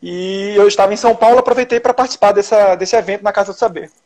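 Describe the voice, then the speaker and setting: A journalist from Salvador, Bahia, Brazil, speaks Bahian Portuguese as a guest in a casual interview, telling stories full of restarts and tag questions. His high, slightly mellow voice moves fast.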